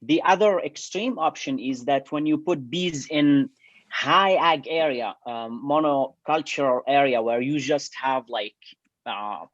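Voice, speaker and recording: Man, from Syria, halting interview answers, mid pitch, dull dry recording. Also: a bit bright, no room sound. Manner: hesitant, many fillers and restarts. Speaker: bee researcher guest.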